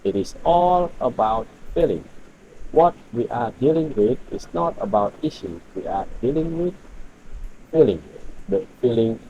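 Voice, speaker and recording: A man, a hotel general manager, giving a measured instructional talk in slightly non-native English. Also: mid-range voice, lively intonation, warm tone. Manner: measured, deliberate phrasing with non-native grammar. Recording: muffled lo-fi recording with faint noise.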